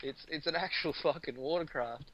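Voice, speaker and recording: A man's voice: fairly high pitch, moderate pace, muffled recording. A young Australian man in casual, laid-back chat, swearing freely as he banters.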